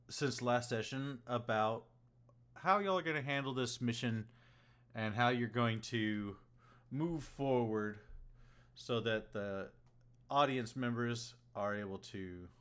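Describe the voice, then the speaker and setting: A man narrating a tabletop session as game master. He tells the story in an easygoing way, pausing often on fillers as he recaps for his players. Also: lowish voice, fairly bright tone, clear, resonant tone.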